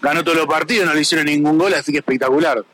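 An Argentine man answers a street interview outdoors. He talks quickly and brightly with an upbeat tone. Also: a little high, fairly even intonation, dry recording. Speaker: football fan in street interview. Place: outdoors on a busy avenue.

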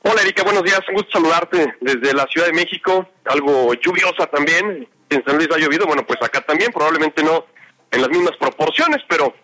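A man gives a live sports report from a city street. His voice is bright and slightly high, with a dry sound. He rambles along with many fillers. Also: animated, fairly quick, no room sound, rough recording.

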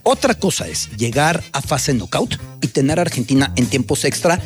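A man's voice: mid-range voice, big pitch swings, normal speed, soft background music. A man on a sports panel, lecturing and reeling off facts and lists. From Mexico.

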